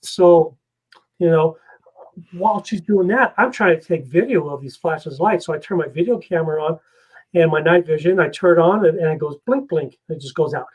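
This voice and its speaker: Guy telling a wild story on a talk show, kinda high voice, really animated. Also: normal speed, husky, dull audio. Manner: animated, vivid storyteller acting out scenes. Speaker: guest paranormal investigator. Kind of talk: casual storytelling.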